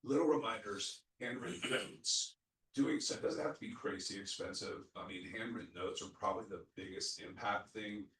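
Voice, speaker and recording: A man on a discussion panel, speaking conversationally and giving practical tips with quick asides. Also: on the low side, vocal fry, a bit bright. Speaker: real estate agent panelist. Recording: echoey room, mic at a distance.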